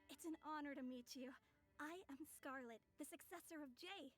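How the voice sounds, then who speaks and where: Woman as confident young witch, polite, theatrical, high pitch, video game acting, music behind. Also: moderate pace, close to an everyday voice. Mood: poised. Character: composed, courteous, confident young witch successor.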